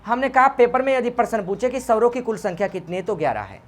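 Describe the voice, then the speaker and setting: A man's voice: very high voice, animated, fast. A man with an Uttarakhand Hindi accent teaching Hindi grammar for exams, repeating points and asking questions he answers himself. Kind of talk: exam-prep lesson.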